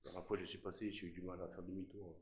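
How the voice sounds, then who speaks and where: A deep, low-pitched man narrates in hushed tones as he explores a dark old castle. Now and then he calls out politely to whatever spirits might be there. Faint background noise runs under his voice. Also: level tone, racing. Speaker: paranormal investigator and host.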